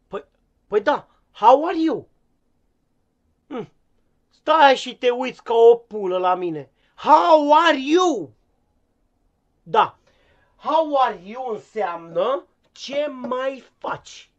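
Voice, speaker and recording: A man's voice: very high-pitched, highs cut off. A man playing a clueless, impatient male English teacher who curses, scolds and stumbles over his words, in a comic live-stream sketch. He sounds like an everyday voice.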